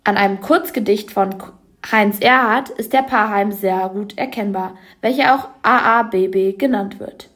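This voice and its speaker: A woman's voice: medium pitch, moderate pace, fairly bright tone. A woman reading a scripted school lesson and quoting verses with emphasis. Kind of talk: scripted educational narration.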